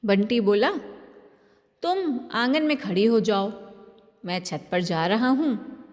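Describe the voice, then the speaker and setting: Slow, unhurried woman storyteller with reverb. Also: medium pitch, expressive, a little mellow. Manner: unhurried, shifts tone for each family member's quoted lines. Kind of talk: scripted narration.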